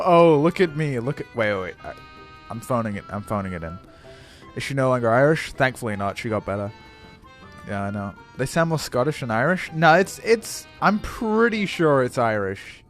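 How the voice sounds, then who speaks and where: A man's voice: mid-range voice, fairly bright tone. A young adult man streaming a game in casual commentary, joking and self-deprecating and laughing often. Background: faint game music.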